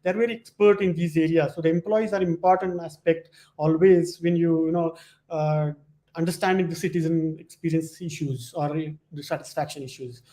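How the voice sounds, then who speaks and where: A man giving an informal slide presentation, speaking in halting, repetitive phrases with many verbal fillers. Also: a little high, fairly even intonation, mellow. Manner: hesitant, halting phrasing with frequent repetition and "you know".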